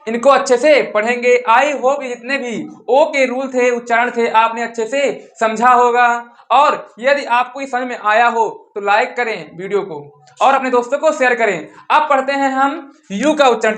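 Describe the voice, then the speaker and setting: A man's voice: very high voice, fairly bright tone. A male teacher with a Hindi accent giving an English pronunciation lesson, repeatedly asking his students questions and answering them himself.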